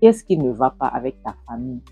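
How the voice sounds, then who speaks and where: A woman retelling a film plot scene by scene, acting out the characters' shouted lines as she goes. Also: extremely low pitch, sing-song, a little fast, creaky, breathy edge, no room sound, muffled recording, faint music behind. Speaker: film recap narrator.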